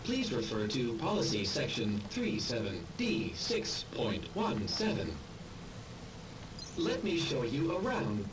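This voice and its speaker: A man voicing a calm, polite helper drone in a video game, speaking as a machine computer voice that repeats set phrases. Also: medium pitch, slow, far from the mic, noisy background.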